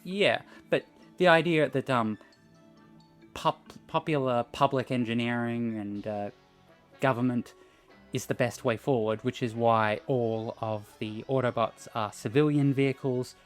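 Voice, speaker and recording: A man giving casual analytical commentary as a co-host, halting as he thinks aloud. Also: medium pitch, faint music behind.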